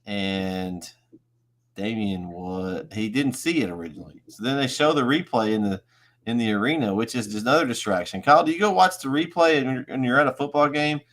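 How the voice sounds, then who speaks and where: A man's voice: mid-range voice, lively intonation, a little fast, fairly bright tone. A man hosting a casual wrestling review show, easygoing and fond of homespun analogies. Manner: easygoing, uses homespun analogies, laughs along. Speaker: podcast host.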